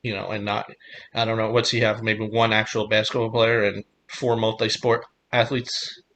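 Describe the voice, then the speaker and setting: Bright-voiced man chatting about games. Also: fairly low pitch, normal speed, a little hiss or hum. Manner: relaxed, many "you know" fillers. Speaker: podcast co-host. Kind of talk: casual sports talk.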